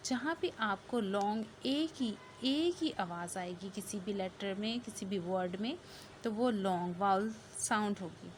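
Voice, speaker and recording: A woman teacher giving a phonics lesson to students, switching between English and Hindi and stretching out each vowel sound. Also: medium pitch. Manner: slow, drawn-out word-by-word teaching. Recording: faint background noise.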